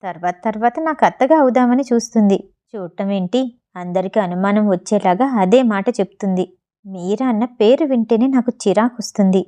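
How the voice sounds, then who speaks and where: A woman's voice: mid-range voice, brisk, lightly acted. Teasing young man, read by a woman. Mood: scornful. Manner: teasing, then sharp when annoyed.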